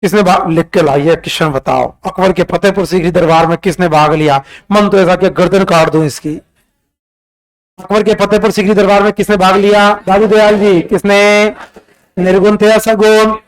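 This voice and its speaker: Male teacher, rapid-fire quizzing in class, high voice, smooth tone. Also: fairly even intonation, rough recording. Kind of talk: classroom exam-prep lecture.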